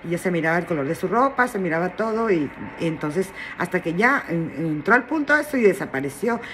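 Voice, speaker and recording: A woman gently telling a spiritual story in casual talk, often adding "¿verdad?". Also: on the low side, lively intonation, a little fast, a little hiss or hum. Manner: gentle and tender, with many "¿verdad?" tags and restarts.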